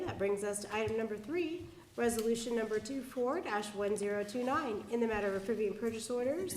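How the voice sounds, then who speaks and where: A woman clerk reading resolutions and calling the roll at a county board meeting in a measured, plain way. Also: medium pitch, a little mellow, roomy sound, slight background noise, poor audio. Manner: measured, reads items aloud plainly. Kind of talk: formal meeting procedure. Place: public meeting room.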